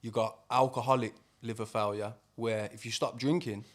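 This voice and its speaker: A man's voice: mid-range voice, steady tone, normal speed. A man from Birmingham with a Brummie accent, talking casually as an interview guest in informal British street slang. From Birmingham, England.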